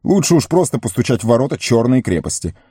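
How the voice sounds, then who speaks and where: A man voicing a hot-headed, proud male warrior who talks in quick, agitated outbursts. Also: fairly low pitch, mellow, no echo, studio quality, voice pushed up, natural voice.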